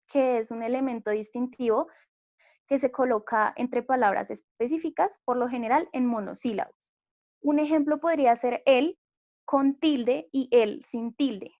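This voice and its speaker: A woman's voice: high-pitched, normal speed, darkish tone, no room sound. A young Colombian woman giving a class presentation, explaining step by step with frequent fillers. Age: young adult. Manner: explanatory, many fillers like eh and pues. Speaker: student presenter. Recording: dull lo-fi recording.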